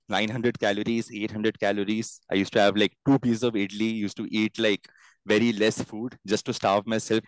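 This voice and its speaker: Low-pitched Indian-accented man, closely recorded. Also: no echo, low-quality recording. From India, grew up in Bangalore and Bombay. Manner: earnest, emphatic, repeats phrases for stress. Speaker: fitness entrepreneur and coach, interview guest. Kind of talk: conversational interview answers.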